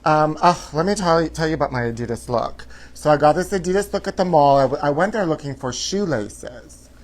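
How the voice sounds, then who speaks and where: A man's voice: fairly high pitch, animated, a little fast. A man hosting a live gossip show in casual chat, with a sassy, campy, theatrical drag-queen style of talking. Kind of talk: casual livestream chat to viewers.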